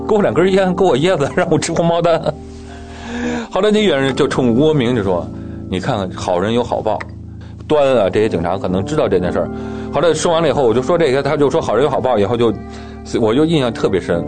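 Fast, animated male storyteller. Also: mid-range voice. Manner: lively storytelling, often acting out the dialogue. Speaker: interviewee telling his own story. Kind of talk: casual spoken storytelling. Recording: guitar music playing behind.

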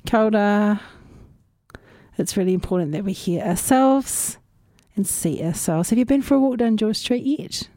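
A woman's voice: mid-range voice, normal speed, warm tone, no room sound, clean studio sound. A woman with a New Zealand accent hosting a community radio music show, chatting casually in musing, unscripted asides. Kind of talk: casual radio chat between songs. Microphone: close radio studio microphone.

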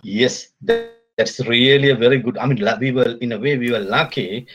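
With music playing underneath, a medium-pitched Sri Lankan man who teaches at a polytechnic speaks as a guest in a casual remote interview. He hesitates a lot, using many fillers and starting sentences over.

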